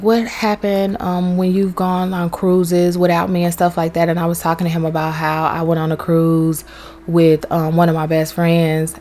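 A woman's voice: medium pitch, a little hiss or hum. Chatty woman vlogger telling a story. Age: young adult to middle-aged, has a son. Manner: chatty, animated, swears casually. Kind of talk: casual storytelling over gameplay.

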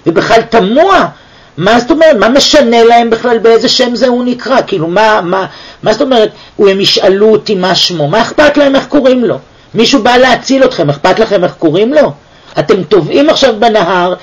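A man giving a weekly Torah portion lesson, talking in a lively way and firing off rhetorical questions. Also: high voice. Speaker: Torah teacher. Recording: dull lo-fi recording.

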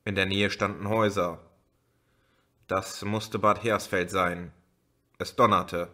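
A man reading a novel aloud as an audiobook in a slow, measured way. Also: low-pitched, flat delivery, bright, forceful tone. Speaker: audiobook reader. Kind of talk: audiobook narration.

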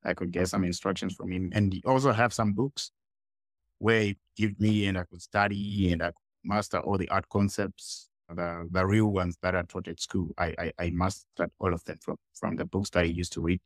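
Low-voiced Zimbabwean-born man on a headset call. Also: fairly even intonation, dry recording. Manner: halting, repeats words while searching for them. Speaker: guest artist. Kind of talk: casual interview on a video call. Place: small room indoors. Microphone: headset on a video call.

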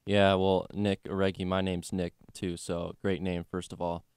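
A man's voice: sits low, level tone, normal speed, a little mellow, clean tone, no room sound, clean studio sound. A young man co-hosting a college sports podcast, chatting about games in a loose, joking way with lots of fillers. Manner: chatty, jokey, lots of fillers like "you know" and "like". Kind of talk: casual sports chat.

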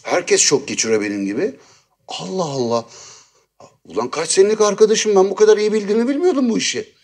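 Male talk show host with a husky, slightly high voice, animated storyteller. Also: quick pace. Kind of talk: casual chat, telling a story.

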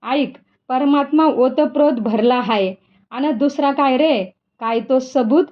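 A woman's voice: high-pitched, slow. A woman voicing a blunt, gossipy village farmer in rustic speech, in a dull lo-fi recording.

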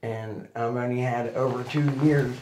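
A middle-aged patient, aged 40s or 50s, talks casually and ramblingly while lying down during treatment at a small indoor chiropractic office. His mid-range voice is steady, unhurried and a little mellow, and the poor audio has noticeable background noise and clicks.

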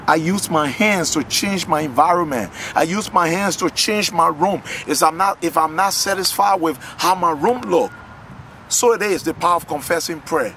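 A man's voice: fairly high pitch, normal speed, pushed and bright, slight background noise. A middle-aged man from Liberia, a pastor giving an earnest testimony and sermon to a close camera outdoors, often repeating words as he builds fervor. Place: outdoors in a garden, trees behind. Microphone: camera at close range.

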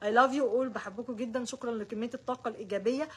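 A woman's voice: on the high side, fairly even intonation, rapid-fire, fairly bright tone, slightly rough. A woman with an Egyptian Arabic accent giving daily horoscope forecasts, rattling off short repeated words and speaking straight to each sign. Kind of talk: casual direct-to-viewer horoscope talk.

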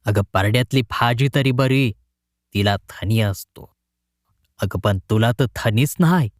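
A man voicing a lecherous, menacing village headman in a storybook reading, speaking in a low growl. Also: big pitch swings, normal speed, no room sound, clean studio sound, close to an everyday voice. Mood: scornful.

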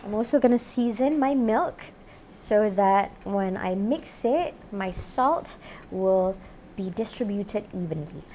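On her cooking show, a chef in her thirties talks to camera in an animated, warm, medium-pitched voice at a slow pace. She's upbeat and full of "you know" as she cooks, wearing a lapel mic in an indoor home-style kitchen studio, where slight background noise can be heard.

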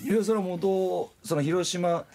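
A man's voice: high voice, fairly even intonation, unhurried, creaky, a little mellow, slight background noise. A man from Hiroshima hosting a comic radio talk show, flustered and clowning under teasing. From Hiroshima, Japan. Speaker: radio host. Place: radio studio.

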